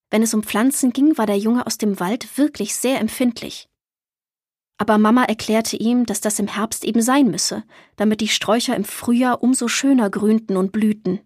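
A woman narrating a children's storybook in a calm, clear storytelling manner. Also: a little high, no echo, studio quality. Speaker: audiobook reader.

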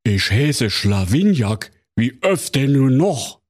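A man's voice: medium pitch, sing-song, darkish tone, voice pushed up. A man doing a weary hunchbacked servant. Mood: exasperated. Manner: slow, exasperated, nagging.

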